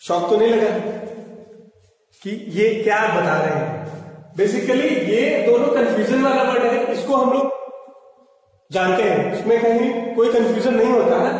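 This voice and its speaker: Guy with a really high voice teaching pronunciation, drills words slow and patient, super echoey room. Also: darkish tone. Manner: addresses viewers as friends. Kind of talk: pronunciation lesson. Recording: echoey room, mic far off.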